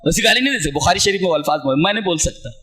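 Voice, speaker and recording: A middle-aged man preaching a Quran commentary with an emphatic, exclaiming delivery. His voice sits high and swings widely in pitch. The tone is bright and forceful as he recites verses and drives each point home. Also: lively intonation, rough recording. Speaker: Islamic scholar giving Quran commentary.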